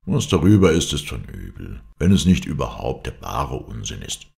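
Here a man takes on the role of a brooding, melancholy figure mourning his wife and son, speaking hoarsely in a philosophical, mournful way. The exaggerated voice is very deep and somewhat dark in tone, with big pitch swings at a moderate pace.

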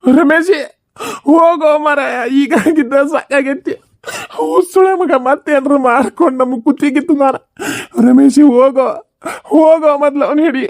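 A woman's voice: high voice, moderate pace, no echo, close to an everyday voice. A woman playing a grieving older village father. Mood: sobbing. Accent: North Karnataka Kannada. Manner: scolding, sobbing pleas. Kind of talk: comedy skit acting.

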